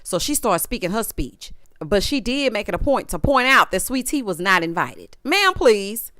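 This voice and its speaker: A woman's voice: medium pitch, moderate pace, dry recording, clean studio sound. A woman hosting a reality TV recap with casual, sassy commentary full of slang and teasing asides. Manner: sassy, animated, drawling slang.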